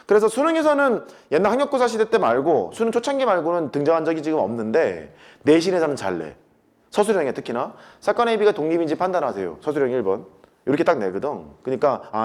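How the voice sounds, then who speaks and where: A man teaching a math class, talking to students in casual speech and hammering points home by repetition. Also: on the high side.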